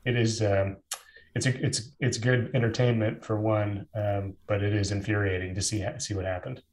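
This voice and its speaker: A man presenting in a webinar, explaining surgical care in a measured way with some restarts. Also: lowish voice, flat delivery, slight background noise, poor audio.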